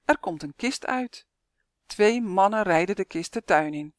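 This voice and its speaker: Woman narrator, children's storybook, slow pace, lively pitch, dry close sound. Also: no echo. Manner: slow, clear and expressive. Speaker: author and narrator.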